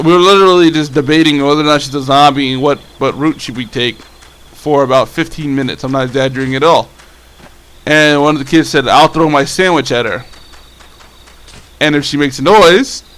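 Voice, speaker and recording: A man's voice: medium pitch, a bit bright. A young man casually telling a story on his vlog, rambling and swearing, with many restarts. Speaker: vlogger.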